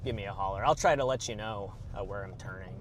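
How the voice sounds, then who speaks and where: A man's voice: fairly low pitch, fast talker. Man livestreaming from a noisy moving car. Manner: colloquial, slangy. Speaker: storm chaser livestreaming while driving. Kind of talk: live storm-chase commentary, casual. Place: inside a moving vehicle.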